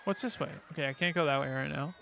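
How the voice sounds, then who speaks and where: A man's voice: a little high, fast talker, creaky, a bit bright, slight background noise. Casual man streaming a game. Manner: thinking aloud, wry asides. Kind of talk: casual gameplay commentary.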